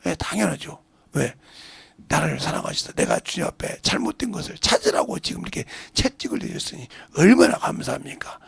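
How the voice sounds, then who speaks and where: A middle-aged man preaches a sermon in a high, gravelly voice with a husky edge. He swings between hushed, whispered prayers and loud, shouted appeals, and his pitch moves all over the place. The sound is dry and close. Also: dry recording. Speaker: pastor. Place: church sanctuary.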